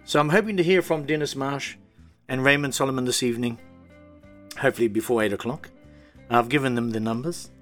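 A middle-aged man with a New Zealand accent, hosting a radio tribute and speaking in a heartfelt, halting way with frequent pauses. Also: mid-range voice. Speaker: radio host. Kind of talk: emotional tribute talk on air. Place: radio studio. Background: soft music playing underneath.

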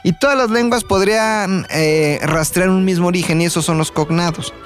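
A man's voice: sits high, normal speed, soft background music. A man with a Mexican accent, casually explaining a topic from his notes to friends, with lots of fillers. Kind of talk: casual group chat.

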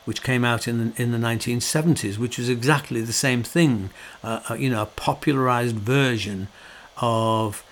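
A man's voice: medium pitch, moderate pace. A middle-aged man giving a reflective, conversational monologue, full of fillers and restarts, with a wry and sorrowful tone. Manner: wry, sorrowful tone about his subject.

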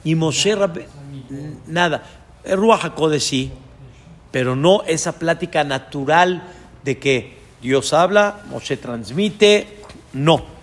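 A man preaches a scripture lesson in a fairly high voice. He teaches in an earnest tone and drops Hebrew terms into his explanations. His voice carries a long, ringing reverb. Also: expressive, slow pace. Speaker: rabbi.

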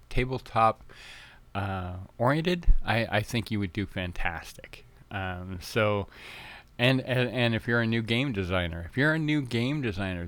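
A man's voice: on the low side, fairly bright tone, no echo. A man hosting a podcast, chatting casually in a rambling way, full of fillers and restarts, a bit tongue-tied early in the morning. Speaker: podcast host.

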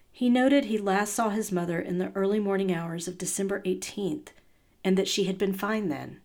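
Woman, true crime narrator, scripted podcast storytelling, measured and serious delivery, medium pitch. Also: darkish tone.

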